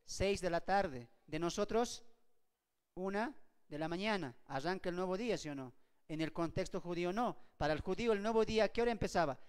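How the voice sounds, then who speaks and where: Man teaching Bible study: high, smooth voice, emphatic and repetitive, hall reverb. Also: expressive, a little fast. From Bolivia. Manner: emphatic, asks rhetorical questions and repeats points.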